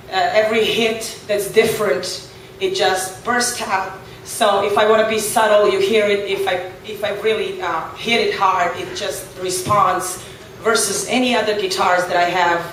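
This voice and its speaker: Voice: mid-range voice, a bit bright. Serbian-accented guitarist, echoey and distant. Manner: thoughtful, many fillers and restarts. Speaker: blues guitarist. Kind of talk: casual interview answer. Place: on a boat. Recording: echoey, far from the mic, faint noise.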